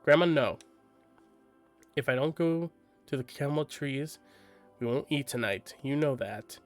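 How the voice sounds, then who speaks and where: A man's voice: mid-range voice, moderate pace, faint music behind, close to an everyday voice. A man reading aloud and voicing a stubborn, feisty young girl who talks bluntly and with sass. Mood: blunt sassy. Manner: blunt, sassy, exasperated.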